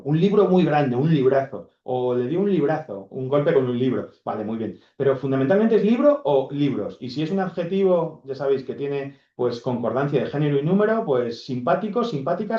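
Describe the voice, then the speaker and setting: A man lecturing a class, explaining step by step and often checking in with his students. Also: medium pitch. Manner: explanatory, checks in with frequent "¿vale?". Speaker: university lecturer. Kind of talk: classroom lecture on corpus linguistics. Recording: echoey, dull lecture room recording.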